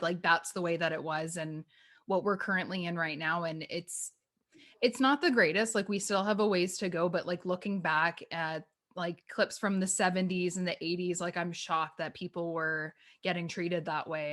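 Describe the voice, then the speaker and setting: Podcast host: woman, mid-twenties, lower register, sincere and chatty. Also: fairly bright tone. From Canada. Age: 20s. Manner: earnest, many "like" fillers. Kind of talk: casual chat.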